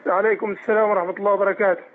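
A man calls in over a thin, tinny phone line, rattling off his words at great speed. His voice is high for a man, and his tone is earnest and pious. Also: flat delivery, rapid-fire, slight background noise. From Egypt. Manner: earnest, pious well-wishing. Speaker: caller.

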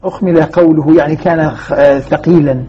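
A man's voice: a little high, steady tone, a little fast. A man teaching a Quran recitation lesson, explaining step by step and quizzing his student. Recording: muffled lo-fi recording with faint noise.

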